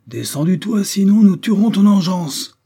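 A man reading an audiobook voices a savage man in a rioting mob, shouting his threats high and loud. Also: sing-song, moderate pace, breathy edge, full character voice. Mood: savage bellowing. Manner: bellowing, savage.

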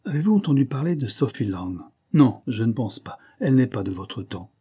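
A man voicing a gruff, boastful aging police commissioner in an audiobook, speaking raised and emphatic with a sardonic edge. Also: medium pitch, big pitch swings, moderate pace, mellow.

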